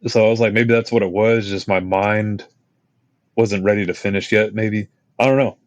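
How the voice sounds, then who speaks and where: Podcast guest: low-voiced male hiker, rambling and casual, filler-heavy, dry close mic. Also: steady tone, normal speed, no echo, low-quality recording. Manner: rambling, laid-back, many fillers like "you know" and "like". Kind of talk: casual storytelling chat.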